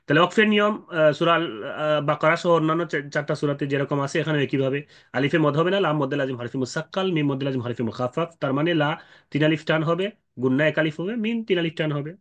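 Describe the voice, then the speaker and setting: A man's voice: on the high side, racing, a bit bright. A man teaching Quran recitation rules, explaining step by step with many fillers and repeated points.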